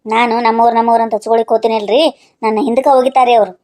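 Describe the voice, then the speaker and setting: A woman's voice: on the high side, flat delivery, very fast, darkish tone, close to an everyday voice. A woman voicing a chatty young niece in a cartoon who complains about a friend, speaking. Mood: complaining.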